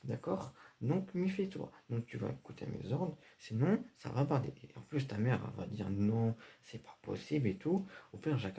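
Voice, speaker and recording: A man's voice: mid-range voice, vocal fry, dark tone. A man playing a strict, stressed father who scolds his son in a homemade comedy sketch, repeating himself a lot.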